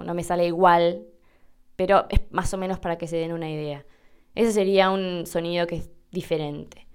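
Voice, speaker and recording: This podcast host, a woman from Argentina, has a clear, resonant voice of medium pitch. Her easygoing show teaches Spanish pronunciation, with her personally demonstrating the sounds.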